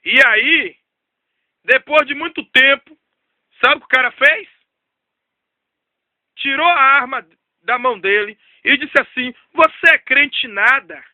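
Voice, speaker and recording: A man preaching a sermon, telling a story and repeating key phrases while dropping low for emphasis. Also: unhurried, pauses often, pushed and bright, no echo.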